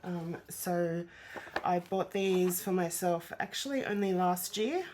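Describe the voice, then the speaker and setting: A woman's voice: on the low side, slow, a little mellow, a little hiss or hum. A congested, nasal-sounding woman who is out of breath, chatting casually as host of a hobby channel. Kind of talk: casual vlog chat.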